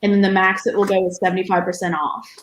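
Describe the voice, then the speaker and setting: A woman's voice: medium pitch, little pitch movement, fast talker, reverberant, low-quality recording. A woman guest chatting on a casual livestream, enthusiastic and rambling as she talks.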